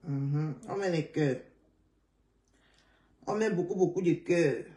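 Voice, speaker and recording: Hoarse woman, slow roomy live stream. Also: low voice, warm tone, far from the mic. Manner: greets viewers by name and repeats calls to share. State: hoarse, voice partly gone. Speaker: livestream host. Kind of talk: casual social-media live chat. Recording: roomy sound, away from the mic.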